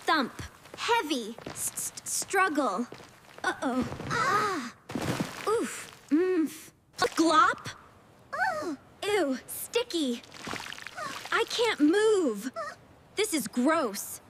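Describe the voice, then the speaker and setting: A woman voicing an excitable little winged cartoon critter, squealing exclamations and reading sound effects aloud. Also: very slow, long pauses, full character voice. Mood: excited. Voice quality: squeaky, shrill. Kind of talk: cartoon dialogue. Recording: loud background noise.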